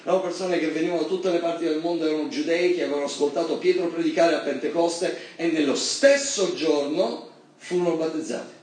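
A man preaching a sermon in an animated way, reading scripture and breaking into high emphatic bursts. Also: fairly quick. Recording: very echoey hall, mic far off, faint background noise.

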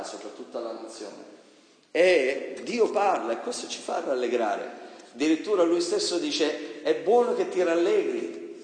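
A man preaching a sermon, dramatic, swinging between soft and loud delivery. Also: medium pitch. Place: church hall. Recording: echoey church hall with long reverb.

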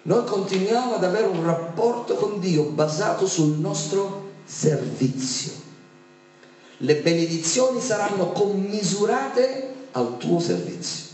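A man preaching a sermon in speech, his voice pitched high and insistent as he fires rhetorical questions at the congregation. He sounds far from the microphone, with heavy echo filling the hall and a faint electrical hum underneath. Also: expressive, takes it slowly, a little mellow. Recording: echoey room from a distance.

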